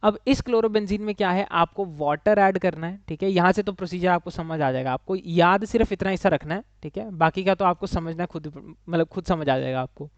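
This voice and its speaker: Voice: mid-range voice, a little fast, few pauses, dry recording. Chemistry teacher, exam-prep lecture, self-answered questions, dull muffled sound, dry close recording. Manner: asks students questions and answers them itself, ends nearly every line with "ठीक है?"; mixes English phrases into Hindi.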